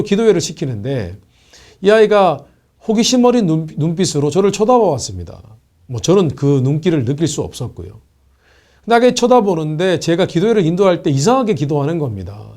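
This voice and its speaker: A man preaching in the manner of a pastor, recounting a moving story from a church event. His voice is fairly high for a man and very expressive, climbing with emphasis and sinking into quiet reflection. The tone stays mellow and warm throughout. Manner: earnest storytelling with lively rises and soft drops. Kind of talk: sermon-style video column, telling a testimony.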